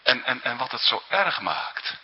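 Male preacher, husky and unhurried, pitch rises and falls widely as he presses home his points; dull lo-fi sermon recording in a reverberant hall. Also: big pitch swings. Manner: earnest, emphatic, frequent tag questions.

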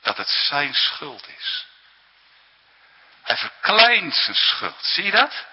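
Male preacher, husky and unhurried, pitch rises and falls widely as he presses home his points; dull lo-fi sermon recording in a reverberant hall. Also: sing-song. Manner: earnest, emphatic, frequent tag questions.

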